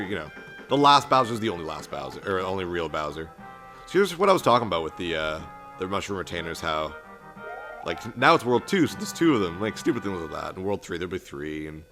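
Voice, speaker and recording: A young let's play host talks in a low, fairly quick monotone over game music, even calling himself monotone. His casual gameplay commentary rambles along with fillers and restarts.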